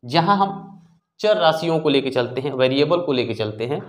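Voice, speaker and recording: A man's voice: medium pitch, expressive, normal speed. A man teaching a maths lesson to children, explaining step by step and asking questions that he answers himself. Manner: explains step by step, checking with "ठीक है बच्चों"; asks the class questions and answers them himself.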